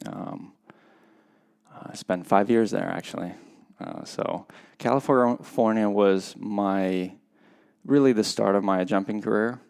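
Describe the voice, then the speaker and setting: Reflective and unhurried, hesitating with many pauses, a Russian skydiving competitor in his thirties talks as a podcast guest in a casual interview. His voice is on the low side, gravelly and a little mellow, with a clean tone.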